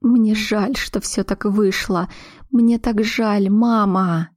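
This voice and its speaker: A woman voicing an aging, remorseful mother who is a queen, speaking slowly and heavily in an audiobook. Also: fairly low pitch, steady tone, a little mellow, dry recording, clean studio sound. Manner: slow, heavy, measured speech. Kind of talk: audiobook character reading.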